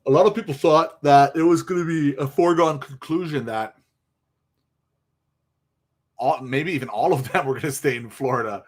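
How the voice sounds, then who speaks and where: Hosting a relaxed hockey live stream, a young man with a slightly high voice talks at normal speed but leaves long pauses. He rambles on with many fillers, yawning and worn out from too little sleep.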